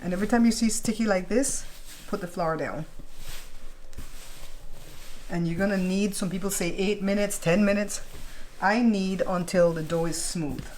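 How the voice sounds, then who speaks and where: This is a casual cooking tutorial from a kitchen counter indoors, where a woman with a mid-range, slightly mellow voice hosts a home baking session at a moderate pace with long pauses. She goes step by step and checks in with viewers, though the home recording is clearly noisy.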